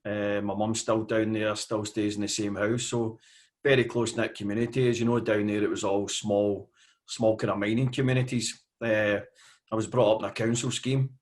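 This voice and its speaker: Scottish man, fifties, lowish voice, casual interview guest, halting delivery. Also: flat delivery. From Scotland. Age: 50s. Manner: hesitant, with frequent fillers.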